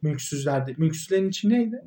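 A young co-host chats in a loose podcast among friends with a mellow, dark tone. The voice rings in a roomy, echoey space, and the remarks come as dry, joking asides. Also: medium pitch, lively intonation, very fast. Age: young adult. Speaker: podcast co-host, engineering student. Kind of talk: casual chat among friends.

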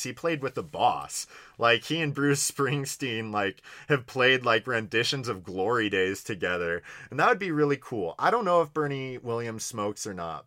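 Bright-voiced man, rambling casual banter. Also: mid-range voice, dry recording, clean studio sound. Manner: hesitant, rambling, heavy use of "like". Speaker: podcast co-host. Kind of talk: casual banter, fantasy draft commentary.

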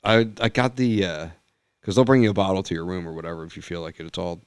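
Deep-voiced man in his twenties, joking. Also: fairly even intonation, quick pace, clean tone, dry recording. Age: 20s. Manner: jokey, laughs at his own lines. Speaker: podcast co-host. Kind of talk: casual chat.

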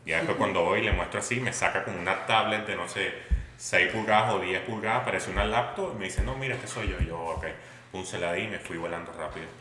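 A man's voice: low voice, fast, noisy background. A young man, a podcast guest telling chatty, slangy stories and acting out the dialogue. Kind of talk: casual storytelling. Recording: roomy echo.

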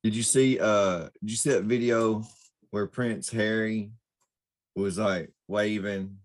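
A man's voice: on the low side, fairly even intonation, slow pace, dry recording. A man co-hosting a podcast, chatting in a laid-back, laughing way. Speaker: podcast co-host. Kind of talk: casual chat.

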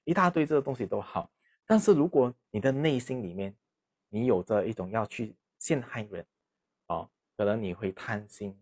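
A man's voice: medium pitch, darkish tone. A man preaching a sermon in a conversational way, dotted with fillers and tag particles.

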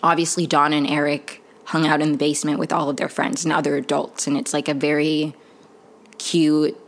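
A woman with a low-pitched voice talks through a TV episode in a loose, chatty recap. Her speech is casual and full of fillers, with quick asides. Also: level tone. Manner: chatty, lots of "like" and "um", quick laughs. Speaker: TV recap vlogger.

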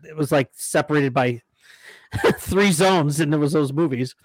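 His voice sits a little high and his pace runs slightly slow as this podcast co-host meanders through anecdotes in a relaxed conversation. He often restarts his sentences and breaks into laughs.

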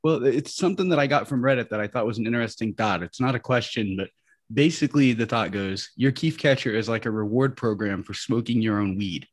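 Male podcast co-host, easygoing and profane, medium pitch. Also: brisk. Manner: easygoing, profane, a bit rambling. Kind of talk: casual chat.

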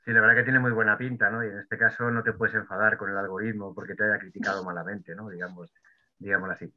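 A man moderates casually and politely at a quick pace, doubling up short phrases. His voice comes through narrow and phone-like. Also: fairly low pitch, little pitch movement. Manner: courteous, repeats short phrases. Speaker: discussion moderator. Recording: tinny phone-like line.

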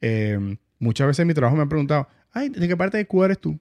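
A man's voice: a little high, very animated, fast, darkish tone, no echo, dull audio. Venezuelan man hosting, dry sound. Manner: conversational, asks "¿me entiendes?". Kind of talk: casual conversation.

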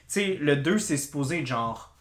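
A woman with a Québécois French accent, co-hosting a casual podcast chat, animated and swearing, with lots of fillers and loud laughs. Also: deep voice, normal speed. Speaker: podcast co-host. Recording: echoey room.

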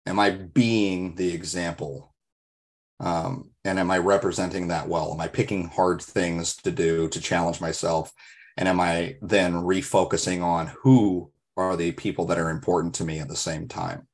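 Earnest low-voiced man co-hosting a podcast. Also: little pitch movement, moderate pace. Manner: earnest, reflective, emphatic motivational talk; tells stories, asks rhetorical questions. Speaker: podcast co-host. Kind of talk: casual podcast discussion.

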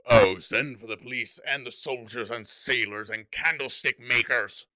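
A man's voice: mid-range voice, sharp tone, no room sound, close to an everyday voice. A man doing a sneering magician chancellor. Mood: mocking. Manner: mocking and sarcastic, slow and drawn out. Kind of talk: storybook reading.

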